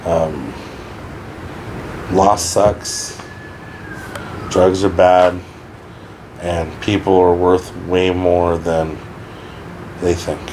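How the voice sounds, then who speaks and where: A man's voice: sits low, flat delivery, drawn-out words, long pauses, a little mellow, slight background noise, low-quality recording. A man, a rapper guest on a podcast, talking candidly and sombrely in casual conversation and swearing freely.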